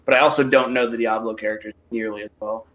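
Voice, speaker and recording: Podcast guest guy, bright sharp voice, thinks out loud, jokes on himself. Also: lowish voice, fairly even intonation, quick pace. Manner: thinks aloud, self-deprecating. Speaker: podcast guest, esports writer. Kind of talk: casual chat.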